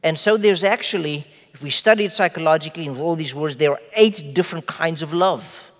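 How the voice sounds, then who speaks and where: A South African pastor whose first language is Afrikaans delivers a sermon from the pulpit in a fairly high voice. His preaching is measured, slowing on key words for emphasis and putting rhetorical questions to the room, while a long hall reverb trails after each phrase.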